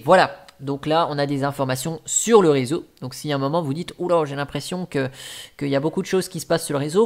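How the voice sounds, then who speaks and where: A man hosts a casual tech tutorial, narrating what appears on a phone screen. His delivery is chatty and loose, full of fillers and small restarts as he points things out. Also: fairly high pitch. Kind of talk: casual screen-recording walkthrough.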